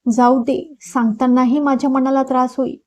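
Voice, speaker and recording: A woman's voice: high voice, flat delivery, moderate pace, darkish tone. Woman reading as a tearful hurt young woman. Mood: upset. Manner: sorrowful, complaining.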